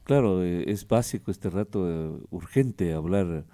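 A man's voice: low-pitched, lively intonation, measured pace, mellow. A man hosting a casual radio interview, joking and emphatic with teasing asides. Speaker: radio host. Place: radio studio.

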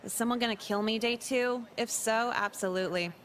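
An actress voicing an apathetic, sarcastic teenage girl in a video game, deadpan and crude. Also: on the high side, a little fast, lightly acted.

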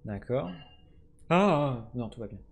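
A man giving casual let's-play commentary, swearing freely and swinging between low mutters and sudden excited shouts. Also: measured pace, vocal fry, breathy edge. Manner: swears casually, jokey asides. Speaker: gaming streamer.

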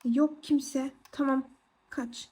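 A young woman chatting casually to viewers while playing a game, excitable and quick to exclaim. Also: high voice. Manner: excitable, exclaims and squeals often. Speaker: gaming vlogger. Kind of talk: casual gameplay commentary.

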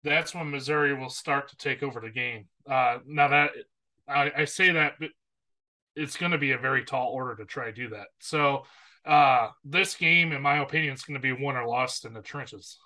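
A man's voice: mid-range voice, normal speed, pushed and bright, poor audio. A man co-hosting a sports podcast, casually giving earnest opinions and stats about a college football matchup.

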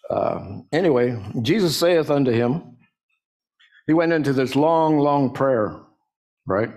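Male pastor, mid-pitched voice, casual storytelling sermon, jumps high on quoted lines. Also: lively intonation, takes it slowly, a little mellow. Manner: frequent restarts and folksy asides.

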